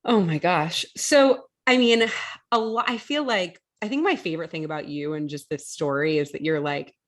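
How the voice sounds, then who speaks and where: A woman hosting an interview podcast, enthusiastic and quick to laugh in casual chat. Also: lowish voice. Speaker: podcast host.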